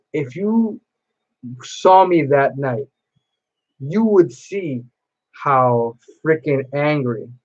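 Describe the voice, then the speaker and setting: A man's voice: medium pitch, darkish tone, dull audio. A man chatting to camera as a cosplay vlogger, telling a long personal story in a rambling way with many restarts.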